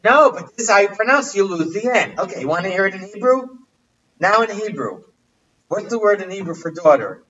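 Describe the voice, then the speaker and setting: A man's voice: sits high, big pitch swings, a little fast, bright, forceful tone. A man teaching a casual language lesson, quizzing his listeners and repeating his questions. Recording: distant, muffled livestream audio.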